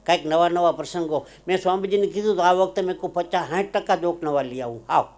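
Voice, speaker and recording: Male stand-up storyteller, high voice, acts out his jokes loudly, live stage show. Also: fast. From Gujarat, India. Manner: lively joke-telling, acting out characters with loud high voices. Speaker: comedian.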